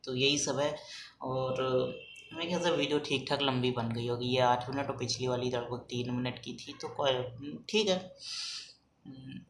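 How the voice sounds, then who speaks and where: A young man vlogging in a casual, rambling way, talking softly and hesitantly with many fillers. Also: medium pitch, steady tone, moderate pace. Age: young adult. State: speaking softly, kept quiet. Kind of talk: casual rambling vlog talk. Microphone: phone front camera. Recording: echoey room, faint background noise.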